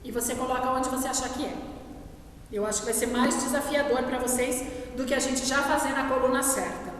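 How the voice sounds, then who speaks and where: A woman teacher dictating words slowly to young pupils, saying each word twice. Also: sits high, fairly even intonation, a little hiss or hum. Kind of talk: classroom dictation lesson. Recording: echoey room, voice from far off.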